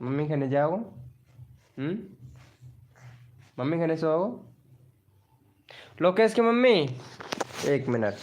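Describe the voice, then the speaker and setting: Young man, live-stream host, fairly high voice, unhurried, casually greeting chat viewers. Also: lively intonation, darkish tone, slight background noise. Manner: chatty, greets viewers by name and reads out chat.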